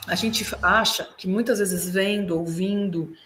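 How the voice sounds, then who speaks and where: A Brazilian woman consultant and German teacher giving lively, explanatory advice over a video call, sounding out German words to show how they are said. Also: mid-range voice, measured pace, slight background noise. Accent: Brazilian Portuguese.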